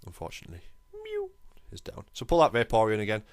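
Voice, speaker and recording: A man's voice: lowish voice, huge pitch swings, fast, dry recording, studio quality. A young man giving chatty, self-deprecating commentary over a recorded game as the channel's host.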